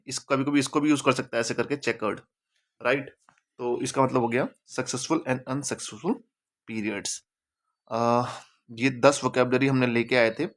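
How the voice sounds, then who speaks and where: Male teacher, casual chatty explainer who repeats key words, mid-pitched. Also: fairly bright tone. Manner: chatty, mixes English terms into Hindi, repeats words for emphasis.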